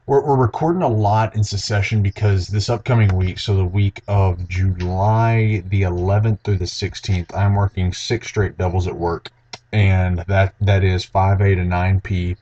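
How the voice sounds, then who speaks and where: A man's voice: low-pitched, fairly even intonation, normal speed, mellow, slight background noise. A young man co-hosting a sports podcast, rambling in a folksy way. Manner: rambling, folksy, says "y'all" a lot. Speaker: podcast co-host. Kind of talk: casual sports chat. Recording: dull lo-fi sound.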